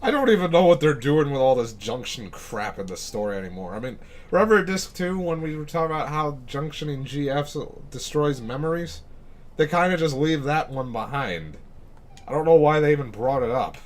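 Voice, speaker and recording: A young man in college giving casual, sarcastic commentary while playing a video game, swearing and thinking out loud. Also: a little high, lively intonation, a little fast. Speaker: let's play host.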